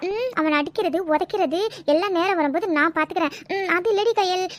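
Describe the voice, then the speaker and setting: A woman's voice: extremely high pitch, fairly quick. Woman doing a fed-up cartoon college girl. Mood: grumbling. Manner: complaining, chatty. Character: young female college student, scheming and fed up. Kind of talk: cartoon dialogue.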